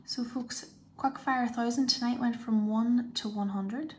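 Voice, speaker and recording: A woman's voice: on the high side, fairly even intonation, unhurried. A woman hosting a live online prize draw, calling out numbers and winners in the manner of a bingo caller. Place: indoors, filming a tablet screen. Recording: clear background noise.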